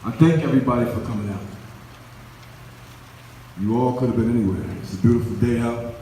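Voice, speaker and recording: Male event speaker, earnest and conversational, mellow tone, distant mic in a reverberant hall. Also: mid-range voice, brisk, slight background noise. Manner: earnest, conversational, repeats words. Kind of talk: motivational speech to a live crowd. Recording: echoey hall, recorded from far off.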